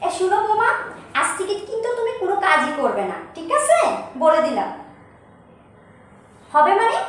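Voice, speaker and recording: A woman's voice: sits high, a bit bright. A woman acting out a kind, fussing mother-in-law in a home skit, doting but bossy. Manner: doting and bossy, calls everyone ma. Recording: echoey room, voice from far off, faint hum.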